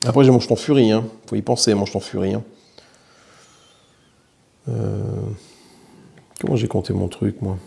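French guy muttering through a solo board game, super gravelly voice, counting dice half to himself. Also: on the low side, normal speed, pauses often, a little mellow. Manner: thinks aloud, mutters, counts dice, swears lightly. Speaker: board game player narrating his solo play.

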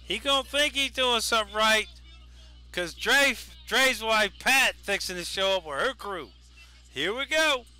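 A man's voice: high-pitched, lively intonation, measured pace, smooth. A man narrating a reality show in voice-over, folksy and teasing. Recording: voice-over with loud music.

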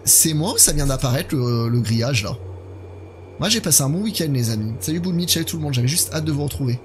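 A man's voice: fairly high pitch, lively intonation, quick pace, a little hiss or hum. A man in his thirties giving casual live commentary on a horror game while chatting with his viewers. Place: indoor gaming setup.

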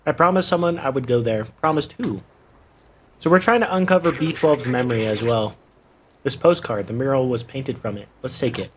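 A young man casually commenting while he plays a video game, chatty and quick to react and laugh. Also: mid-range voice, slight background noise. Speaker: gaming YouTuber. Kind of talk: casual let's play commentary. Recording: game music behind the voice. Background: game music.

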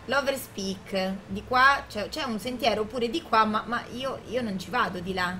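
A woman hosting her gaming channel, giving chatty let's play commentary, talking to the game character and quickly getting alarmed with frequent restarts. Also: fairly high pitch, bright, forceful tone, slight background noise, rough recording.

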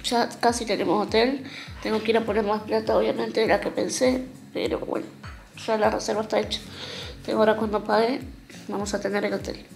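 Young Argentine woman, casual home vlogger, fairly high voice with lots of fry, music faintly behind. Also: flat delivery, fairly quick, darkish tone. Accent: Argentine (Rioplatense). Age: young adult. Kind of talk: casual chat to camera. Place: small room at home.

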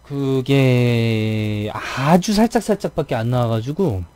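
A man's voice: mid-range voice, takes it slowly, darkish tone, smooth. A man from the Gyeonggi region of South Korea, chatting casually with his live viewers as a game streamer, throat a bit tired, playfully mimicking how other people talk.

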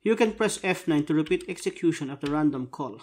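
A man with a fairly high voice narrates a scripted instructional walkthrough. He dictates each step in short, separate phrases, spelling out symbols and keys as if for someone typing along. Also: expressive, brisk, darkish tone. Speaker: tutorial narrator.

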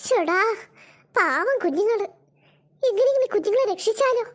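A woman's voice: extremely high pitch, expressive, normal speed. A woman voicing a kind, worried woman in a cartoon, murmuring anxiously and soothing the children. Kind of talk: cartoon voice acting.

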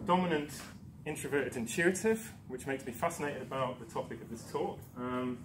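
A conference speaker from Newcastle, England, gives a presentation in a darkened lecture room, his mid-range voice at normal speed. He's chatty and self-deprecating with many ums and restarts, picked up by a far camera mic in an echoey room with background noise.

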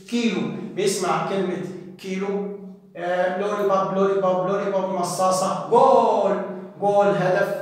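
A man with an Egyptian Arabic accent teaching English words to parents, saying each word again and again and then explaining it. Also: high voice. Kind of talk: spoken English vocabulary lesson for parents. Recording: echoey hall from far off.

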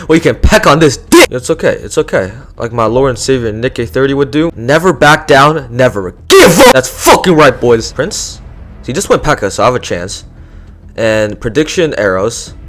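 A young man giving live gameplay commentary, excitable and swearing often, swinging from muttering to yelling. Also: medium pitch, moderate pace, heavy background noise. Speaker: gaming YouTuber.

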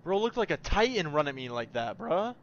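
Young male horror-game streamer, excitable and foul-mouthed, wildly swinging pitch, noisy stream audio. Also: fairly quick, dull audio. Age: 20s. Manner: excitable, screams and yelps, repeats words frantically. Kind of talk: live horror game reactions, profane casual chat. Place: home room, indoors.

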